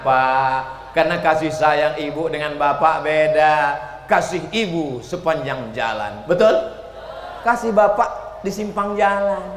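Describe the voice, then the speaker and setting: A high-pitched man preaches to a crowd, lively and animated, now and then rising to a shout. His voice rings through a big hall with a long, echoing tail. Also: a little hiss or hum. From Riau, Indonesia. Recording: echoey hall with long reverb.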